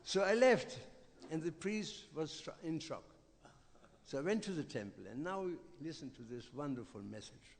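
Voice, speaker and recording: A man with a gravelly, slightly high voice tells a sermon story in an animated, dramatic way. He is in a temple hall, and long reverb trails behind his words. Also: normal speed. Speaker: visiting preacher.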